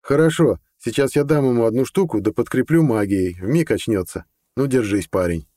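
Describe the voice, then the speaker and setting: A man's voice: mid-range voice, animated, normal speed, dark tone, no room sound, clean studio sound, lightly acted. A man voicing a grumpy, sarcastic older healer in an audiobook, scolding and grumbling. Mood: brisk.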